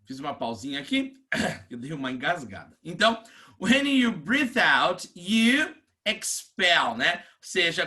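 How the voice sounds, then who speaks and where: A man with a Brazilian Portuguese accent teaching an English vocabulary class, reading English examples slowly and explaining them. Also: fairly high pitch. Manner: slow, lively teaching delivery, stretches English words and repeats "né?". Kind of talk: recorded online class.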